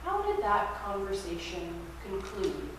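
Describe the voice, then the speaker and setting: A woman pastor preaching a sermon at a pulpit microphone in a church sanctuary, in a gentle, reflective way that invites listeners to practice. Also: medium pitch, very animated, a little slow. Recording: very echoey church hall, distant mic, faint hiss.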